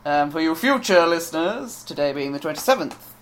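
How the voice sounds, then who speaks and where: A young man in his twenties co-hosting a podcast, chatty and quick to laugh, with a few ums along the way. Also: fairly high pitch, lively intonation, a bit bright, a little hiss or hum. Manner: chatty, laughs often, hesitant with fillers. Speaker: podcast co-host. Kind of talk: casual chat.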